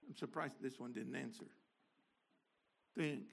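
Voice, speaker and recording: A man's voice: medium pitch, a little slow, creaky, slightly rough. An older man teaching a sermon, explaining Hebrew words with emphatic bursts. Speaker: Messianic teacher.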